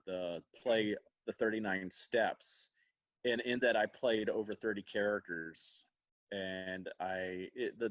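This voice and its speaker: Animated male actor, dull dry audio. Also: lowish voice, dry recording. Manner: animated storyteller, laughs often, acts out quotes.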